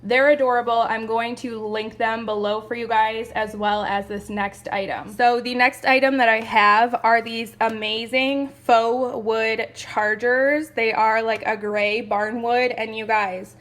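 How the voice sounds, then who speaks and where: A young woman chatting excitedly through a home decor haul, gushing and a little out of breath. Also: a little high, measured pace, few pauses. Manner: gushing, chatty, lots of "like" and "you guys". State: a bit out of breath. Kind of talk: casual haul video.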